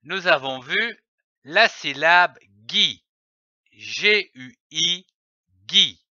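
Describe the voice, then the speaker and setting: A man with a bright, lively voice takes a slow syllable-by-syllable reading lesson, spelling out each letter with care. His delivery is extremely slow, and the recording sounds dry and a little dull. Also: fairly high pitch, dry recording. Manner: spells out letters slowly and carefully. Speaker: reading teacher.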